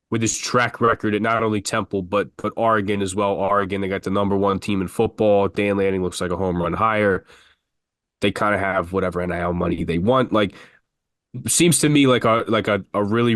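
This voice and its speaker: Co-hosting a basketball podcast, a man with a fairly low, fairly bright voice talks sports casually. He rambles and restarts sentences, and the sound is dry with no room echo.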